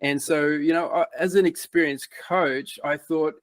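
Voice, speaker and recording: A man's voice: fairly high pitch, steady tone, normal speed, dry recording. A man hosting a podcast, introducing his guest with enthusiasm and asking questions. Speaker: podcast host. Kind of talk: podcast interview.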